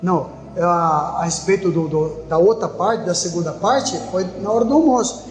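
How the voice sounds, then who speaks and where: Fervent high-voiced preacher, echoey. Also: male voice, normal speed. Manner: fervent storytelling with quoted dialogue. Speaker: lay preacher giving testimony. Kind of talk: religious radio talk. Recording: echoey hall with faint music.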